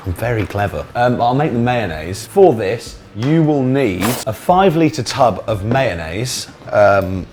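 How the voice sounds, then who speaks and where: Hosting a laid-back cooking vlog, a British man chats away, swears for laughs and jokes about what he's cooking as he goes. His voice is medium-pitched and a little mellow.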